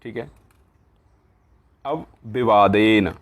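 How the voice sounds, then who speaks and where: A man teaching a textbook lesson, reading lines aloud and explaining each word. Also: lowish voice. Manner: slow, reads Sanskrit lines then explains in Hindi. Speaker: Sanskrit teacher.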